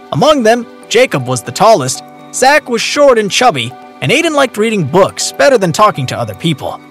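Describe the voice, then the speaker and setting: A man narrating a story in an animated, storytelling way. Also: sits high. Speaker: audiobook narrator. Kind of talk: scripted narration. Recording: dry close recording, faint music.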